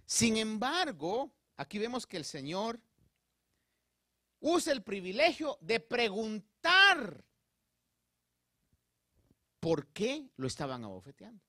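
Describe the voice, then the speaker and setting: Slow and high-voiced, with long pauses, a male preacher gives a sermon in Spanish. He speaks directly to the congregation, checking in with them often, and his animated delivery swells with rising emphasis. The sound is studio quality, without any room sound.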